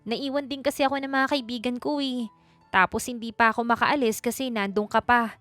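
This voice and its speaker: A woman's voice: a little high, steady tone, fairly quick, a bit bright, no echo, faint music behind, pitched above the performer's own voice, natural voice. A woman voicing a timid young provincial schoolteacher who stammers and keeps apologizing in a storybook reading. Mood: earnest.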